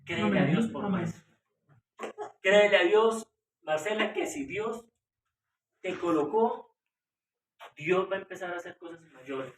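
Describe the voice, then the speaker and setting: A Colombian man preaching a passionate sermon as pastor, rising to loud emotional peaks. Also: high voice, expressive, a little slow, long pauses. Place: small house meeting room. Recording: echoey room, far from the mic, noisy.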